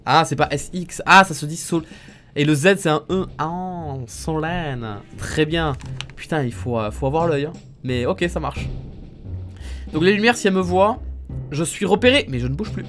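A man streaming a video game live, joking and reacting excitably to it, recorded on a studio streaming mic. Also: a little high, moderate pace. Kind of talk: live gaming stream commentary. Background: game music.

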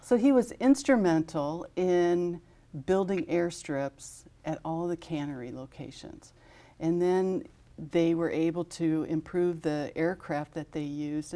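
A woman's voice: sits low, mellow. A woman in her fifties with an American accent, a studio interview guest who speaks steadily and informatively, with frequent fillers. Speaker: guest from an aviation safety foundation. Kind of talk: studio interview, listing honorees. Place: television studio.

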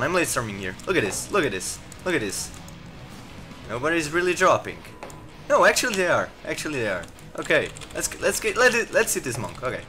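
A man giving live commentary while playing a game, rambling with many fillers and restarts and reacting excitedly to the action. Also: fairly high pitch. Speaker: gameplay commentator.

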